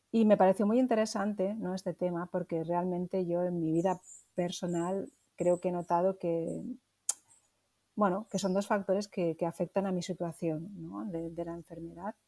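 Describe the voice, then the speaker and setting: A woman's voice: fairly low pitch, warm tone. A woman from Barcelona co-hosting a casual podcast, thoughtful and hesitant, often rephrasing mid-sentence. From Barcelona, Spain. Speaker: podcast co-host.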